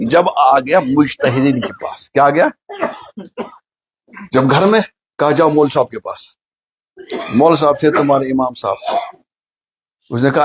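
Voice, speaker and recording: An Islamic preacher with a husky, mid-range voice gives a sermon built around a funny story. He acts out the characters and puts questions to his audience.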